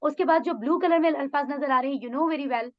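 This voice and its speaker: A woman with a high voice teaches an Arabic lesson over a video call. She is encouraging and slips English phrases into her Urdu. The audio is a little dull. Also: brisk. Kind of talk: online class teaching. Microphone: video call mic.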